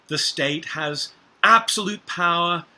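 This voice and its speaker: Bright-voiced hesitant male lecturer. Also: high voice, slow pace. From Scotland. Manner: hesitant, many filler sounds and tag questions. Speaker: university lecturer. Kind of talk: university lecture.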